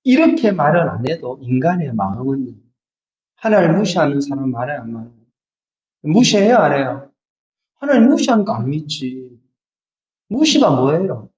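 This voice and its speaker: A male pastor delivering a sermon with a lively, swinging pitch, who keeps asking his listeners rhetorical questions. He sounds far from the mic in a reverberant church hall, and the sound is dull. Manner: colloquial, asks the congregation constant rhetorical questions. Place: church sanctuary.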